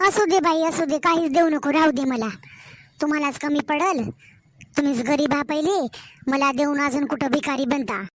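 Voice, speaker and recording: A woman's voice: high-pitched, fairly even intonation, moderate pace, slight background noise, natural voice. A woman doing a greedy, doting village mother. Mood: wheedling. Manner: fussy, wheedling, scolding by turns. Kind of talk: cartoon story voice acting.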